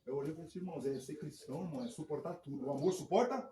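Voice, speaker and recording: Fast, high-voiced preaching man. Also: roomy sound, slight background noise, rough recording. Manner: animated storytelling, acts out quoted voices, asks "amém?". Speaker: pastor. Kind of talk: testimony sermon to a congregation. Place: church service.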